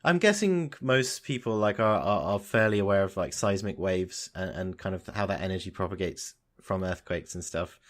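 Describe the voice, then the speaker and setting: A young man co-hosting a casual podcast explains science news while thinking aloud, restarting often. He has a low voice and speaks at a moderate pace with hardly any pauses.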